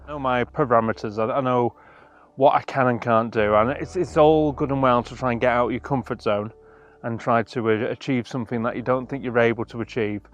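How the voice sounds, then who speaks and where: A man vlogging outdoors on a mountainside into a camera on a monopod, talking in an earnest, halting, self-deprecating way. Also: medium pitch, steady tone, highs cut off. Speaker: hiking vlogger. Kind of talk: casual walking vlog chat.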